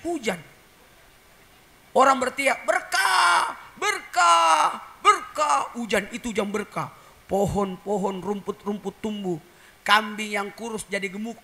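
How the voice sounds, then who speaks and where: A man's voice: sits high, steady tone, moderate pace, pauses often, sharp tone. A man preaching a humorous sermon, telling a story and acting out voices and animal sounds for the congregation. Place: religious gathering.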